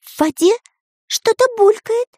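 A woman voicing a small, brave magic pencil boy in a children's audiobook, in a high, bright, pleading voice. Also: measured pace, dry recording, clean studio sound. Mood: curious.

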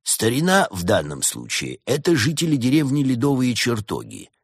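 A man's voice: huge pitch swings, vocal fry, slightly rough, dry recording, clean studio sound, full character voice. A man voicing a gloomy, grumbling male detective in an audiobook. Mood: dry. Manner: slow, low, grumbling. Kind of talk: audiobook character voice.

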